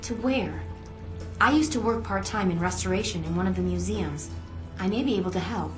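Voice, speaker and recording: A woman plays the worried, curious ally of a spy in video game cutscene dialogue, her questions earnest. She speaks briskly in a natural, medium-pitched voice, recorded with roomy acoustics and background music.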